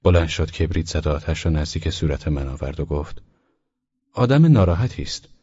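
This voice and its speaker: A man narrating an audiobook in a steady, measured reading voice. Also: extremely low pitch, breathy edge. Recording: dull lo-fi recording.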